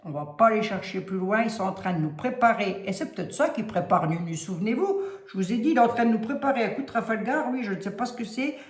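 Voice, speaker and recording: A woman from Lorraine with a Lorraine accent, a psychic vlogger talking casually and rambling to her viewers with many asides. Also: medium pitch. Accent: Lorraine French. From Lorraine, France. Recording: roomy echo.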